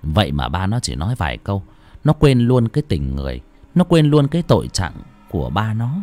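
A man narrating a story, with a dramatic, expressive reading. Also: lowish voice, brisk, no room sound. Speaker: audiobook narrator.

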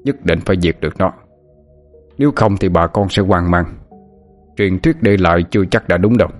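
A man's voice: low-pitched, normal speed, soft background music. A man voicing an elderly village grandfather who leads river rituals, speaking in a grave, commanding way.

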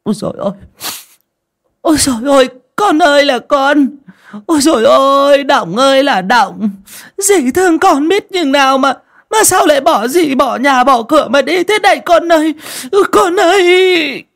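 A man voicing a scheming village woman who wails and sobs in fake grief, with shrill, drawn-out cries. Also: lively intonation, creaky, fairly bright tone, full character voice. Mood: fake wailing.

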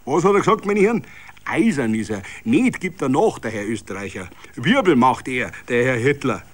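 A male reader voices a bitter Bavarian tradesman in a tavern scene from a radio play, grumbling indignantly and scornfully in thick dialect. Very animated, his pitch leaps around freely as he hammers home each point at a normal speed.

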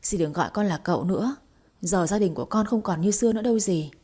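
Female narrator plays sincere young man, warm and soft-spoken. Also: medium pitch, quick pace, husky, natural voice. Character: young man, earnest and polite, a motorbike driver.

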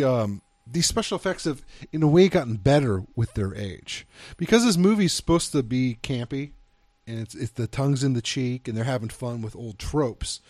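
Man, podcast co-host, casual movie talk, halting delivery, dry close sound. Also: mid-range voice, darkish tone, dry recording. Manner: halting, hesitant, thinking aloud. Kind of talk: casual film discussion.

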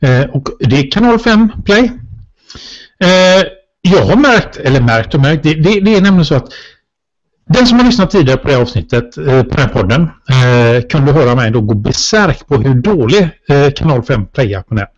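A man's voice: mid-range voice, lively intonation. A man co-hosting a casual podcast, rambling with many fillers and a mock-ranting edge. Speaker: podcast co-host. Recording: dull lo-fi podcast audio.

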